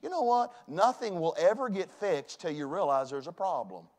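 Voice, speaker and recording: A man's voice: sits high, big pitch swings, normal speed. Emphatic pastor in his forties. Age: 40s. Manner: emphatic, swings from loud to hushed. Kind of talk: sermon. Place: church sanctuary.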